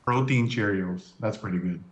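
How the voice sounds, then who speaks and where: A man's voice: fairly low pitch, moderate pace, muffled recording. Laid-back young man in a roomy studio. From upstate New York. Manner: laid-back, chuckling often. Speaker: quiz contestant. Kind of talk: casual interview chat. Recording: roomy echo.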